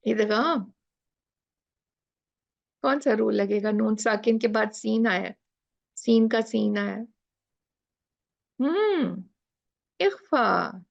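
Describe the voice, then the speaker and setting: A woman's voice: on the high side, lively intonation, slow pace, creaky, pauses often, muffled recording. A woman teacher explaining recitation rules in a class, asking questions and drawing out letter sounds. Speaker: tajweed teacher.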